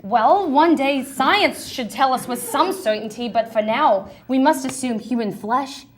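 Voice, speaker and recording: A woman acting a brash, crude construction worker in a comedy sketch, loud and exaggerated. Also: sits high, a little slow. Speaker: sketch performer.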